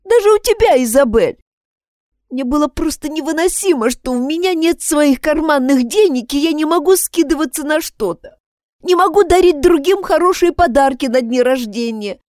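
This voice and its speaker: A woman's voice: high-pitched, a little mellow, no room sound, studio quality, voice pushed up. A woman reading an audiobook, voicing a distraught teenage schoolgirl who pleads and sobs. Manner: pleading, sobbing outbursts.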